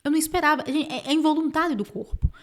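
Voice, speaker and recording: A woman's voice: sits high, fast. A woman host commenting on birth care, speaking emphatically and addressing viewers directly. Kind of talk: explanatory commentary.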